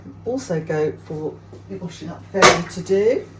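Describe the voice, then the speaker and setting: A woman vlogger with a lowish voice and lively intonation talks at normal speed in her home kitchen, and the recording is very noisy. She bakes and tastes muffins while chatting casually to viewers and poking fun at herself.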